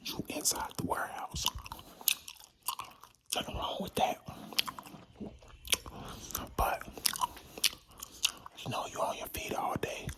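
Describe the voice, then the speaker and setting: A man's voice: takes it slowly, pauses often. A man whispering a rambling, slangy, informal ASMR talk while chewing gum, with mouth sounds. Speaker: ASMR creator.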